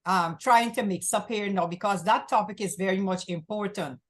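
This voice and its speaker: A woman's voice: mid-range voice, moderate pace. A woman from Guyana hosting a community access talk show, talking in long rambling runs and often repeating herself. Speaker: host.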